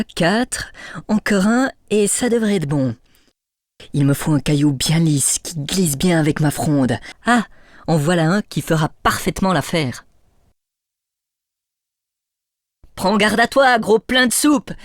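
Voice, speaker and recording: A woman's voice: fairly low pitch, animated, measured pace, dry recording, clean studio sound. Plucky cartoon boy hero, sure of himself. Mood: cheeky. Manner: confident, cheeky. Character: brave young shepherd boy, cheeky. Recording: cartoon with music behind.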